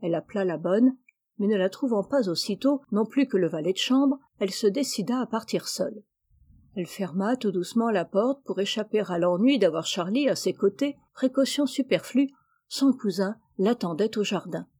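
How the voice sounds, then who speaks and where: A woman reads a classic novel aloud, measured and gentle. Her voice is mellow and warm with a soft, husky edge. The pitch sits in a plain middle range. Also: animated. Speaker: audiobook narrator. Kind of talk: scripted narration of a classic novel.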